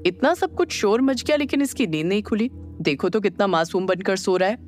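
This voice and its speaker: Cool, mysterious young man, quietly teasing, read by the narrator in an audio drama. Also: medium pitch, expressive, brisk, faint music behind, close to an everyday voice. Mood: calm.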